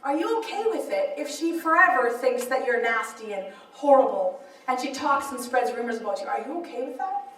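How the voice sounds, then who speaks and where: A woman voicing God as a gentle male presence who asks calm, probing questions. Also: on the high side, fairly quick. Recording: echoey hall, mic far off.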